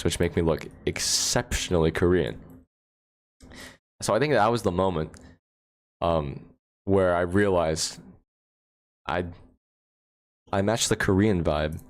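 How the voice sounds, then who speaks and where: Casting: low-voiced American man, loose livestream chatter, laughs a lot, phone mic at home. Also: unhurried, pauses often. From United States. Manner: rambling, laughs often, answers chat questions. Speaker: livestream host. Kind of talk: casual livestream chat.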